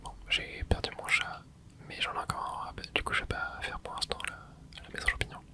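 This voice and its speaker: This gaming creator's ASMR let's play is delivered entirely in a breathy, unvoiced whisper. Short, soft comments and little interjections keep the casual narration going at a slightly fast clip.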